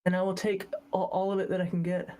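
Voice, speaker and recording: A woman's voice: medium pitch, flat delivery, fast talker, mellow. A woman co-hosting a podcast, chatting in a playful, self-mocking way. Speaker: podcast co-host. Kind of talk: casual chat.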